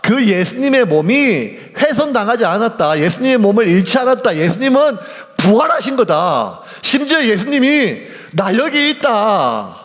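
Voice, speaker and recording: A male pastor delivering an emotional sermon in a church, at times dropping to hushed, near-whispered lines. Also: high-pitched, big pitch swings, moderate pace, hardly any pauses. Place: church sanctuary. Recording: church hall reverb.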